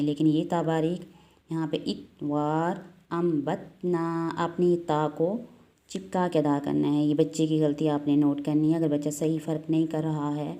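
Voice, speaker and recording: A woman with a Pakistani Urdu accent, teaching Quran reading step by step, patiently repeating letter sounds slowly. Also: deep voice, dark tone. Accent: Urdu-speaking, Pakistani. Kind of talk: step-by-step recitation lesson.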